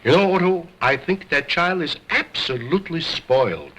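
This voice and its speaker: A man with a fairly high, expressive, fairly bright voice and a breathy edge speaks at a moderate pace. He's an actor playing an egocentric, stern stage ventriloquist in a 1929 film, talking in a pompous, grandly formal showman's style typical of 1920s stage and screen, heard on a vintage soundtrack.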